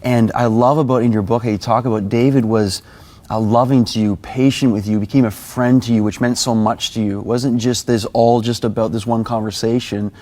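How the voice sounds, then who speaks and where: A man's voice: medium pitch, fairly even intonation, brisk, a little mellow. A man hosting a faith interview, eager and affirming, who talks in loose restarts. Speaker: interview host. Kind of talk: studio interview.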